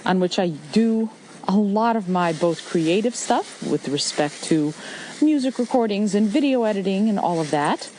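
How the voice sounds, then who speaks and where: A middle-aged woman hosting a solo podcast outdoors, talking conversationally and telling her story emphatically and deliberately. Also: medium pitch, animated, dark tone, poor audio. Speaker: podcast host. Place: outdoors with passing cars and machinery. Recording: faint traffic and machine noise outdoors.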